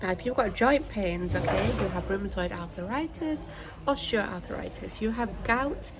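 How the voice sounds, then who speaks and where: A young woman from the United Kingdom chats to camera at home, rambling with plenty of ums as she vlogs into a phone held at arm's length. Her medium-pitched voice has lively intonation and a slightly slow pace. The phone video audio carries some background noise.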